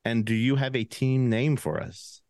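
A man's voice: medium pitch, normal speed, darkish tone, smooth, no room sound, studio quality. Lisping man hosting a podcast. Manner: lisp, laughs often. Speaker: podcast host running a game draft. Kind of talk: casual podcast chat.

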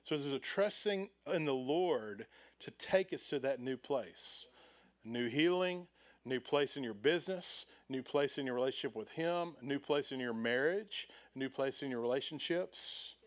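Animated middle-aged man preaching a sermon. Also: medium pitch, unhurried. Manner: animated, acts out quoted voices, rising and falling loudness. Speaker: pastor. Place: church.

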